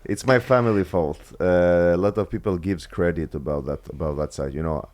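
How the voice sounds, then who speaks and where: A former footballer from Kosovo with an Albanian accent appears as a guest in a casual interview. His voice is deep and a little mellow, and his speech halts, full of fillers and restarts.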